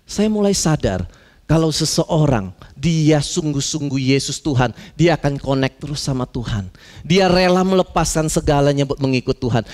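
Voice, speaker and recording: A male pastor preaching a lively, conversational sermon, mixing slang with acted-out stories. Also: high voice, in a large hall.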